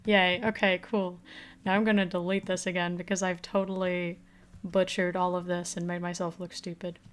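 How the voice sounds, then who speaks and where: A woman's voice: fairly low pitch, little pitch movement, normal speed. A woman, a streamer in casual live-stream chat, loose and profane, muttering at puzzle pieces.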